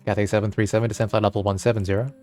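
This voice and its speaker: A man's voice: fairly low pitch, level tone, very fast, darkish tone, soft background music. A man acting as air traffic controller, giving clipped radio instructions to pilots.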